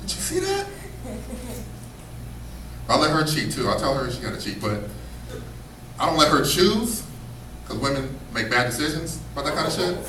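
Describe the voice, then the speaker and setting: A man's voice: medium pitch, animated, a little fast, bright, forceful tone. A man doing a stand-up set in a comedy club, telling stories in a laid-back, conversational way with slangy asides. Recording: echoey club from a distance, noisy room. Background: audience laughter.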